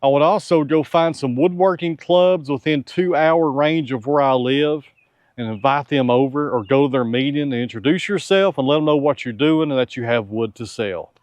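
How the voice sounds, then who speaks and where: This sawmill owner and channel host has a mid-range, slightly mellow voice at a normal speed, captured in a dry recording. Sounding weary, he fields viewer questions outdoors on his farm, keeping things casual, homespun and straightforward.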